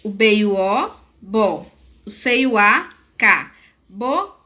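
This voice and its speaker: A woman teacher with a Brazilian accent giving a lesson, speaking slowly and spelling words out syllable by syllable. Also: mid-range voice, pushed and bright. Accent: Brazilian Portuguese. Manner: slow, deliberate, spelling out syllables. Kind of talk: recorded classroom lesson.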